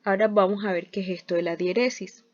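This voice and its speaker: A woman's voice: mid-range voice, steady tone, quick pace, a little mellow. A woman teacher giving a scripted spelling lesson, explaining step by step with examples and often starting with "entonces". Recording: dull lo-fi recording.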